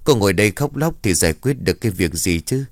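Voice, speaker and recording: A man's voice: fairly low pitch, lively intonation, quick pace, no room sound, clean studio sound. A man voicing an anxious elderly village chief who speaks earnestly and implores for help. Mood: stern.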